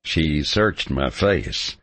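A man narrating a scripted western story in the first person, with a gravelly, husky voice and a measured, dramatic delivery. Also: rumbling low, very animated, a bit bright, no room sound. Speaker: audiobook narrator.

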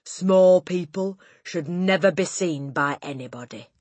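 A woman voicing a huge, tyrannical headmistress who loathes children, bellowing her insults with drawn-out emphasis in an audiobook. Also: lowish voice, a little mellow, no room sound. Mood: contemptuous. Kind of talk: audiobook character voice.

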